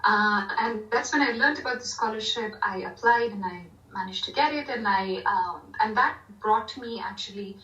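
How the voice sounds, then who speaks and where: A university Hindi lecturer from India answers interview questions thoughtfully, using "you know" often as filler. Her voice is medium-pitched, bright and forceful at a moderate pace with few pauses, but the recording is muffled and echoey, as she's distant from the mic in a reverberant room.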